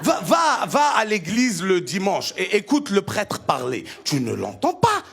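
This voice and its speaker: A young man from Ivory Coast with an Ivorian French accent, doing animated stand-up storytelling that swings into shouting. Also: high voice, measured pace, creaky, faint music behind. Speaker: stand-up comedian. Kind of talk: stand-up comedy. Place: stage before a live audience.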